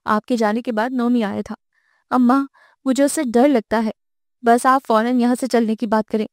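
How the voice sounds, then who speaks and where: A woman's voice: a little high, steady tone, darkish tone, no room sound, studio quality, close to an everyday voice. A woman reading a novel aloud, voicing a bitter, defiant young wife with cold, cutting lines. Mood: pleading. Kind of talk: audiobook character voice.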